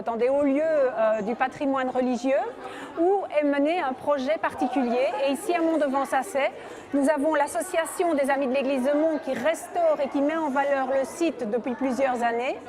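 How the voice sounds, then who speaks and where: Woman, middle-aged, high-pitched, enthusiastic, halting, outdoor crowd behind. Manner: enthusiastic, hesitant with fillers. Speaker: interviewee, heritage association founder. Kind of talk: outdoor interview. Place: outdoors at a church event.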